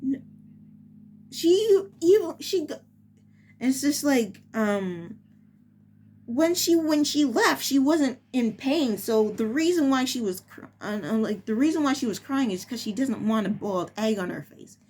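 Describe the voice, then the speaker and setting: A preschool teacher shares a personal story casually, pausing and fumbling as she hunts for the right words. Her voice sits a little high and sounds expressive, with a somewhat dark tone.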